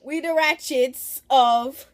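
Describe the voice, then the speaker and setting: Slow-paced, high-voiced woman hosting. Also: background noise. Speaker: host of a challenge video. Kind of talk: casual playful chat to camera.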